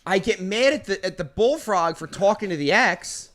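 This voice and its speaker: A man on a podcast spins a profane story. His voice is bright and swings widely up and down, and he plays out each quote at full volume. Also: sits high, moderate pace. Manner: profane, animated, acts out quotes loudly. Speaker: podcast host. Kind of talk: casual storytelling chat.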